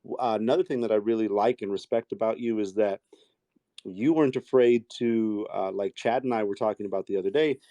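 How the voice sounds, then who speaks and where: A man hosting a casual interview, encouraging his guest with quick, affirming replies. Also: on the low side, mellow, dry recording. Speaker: podcast host.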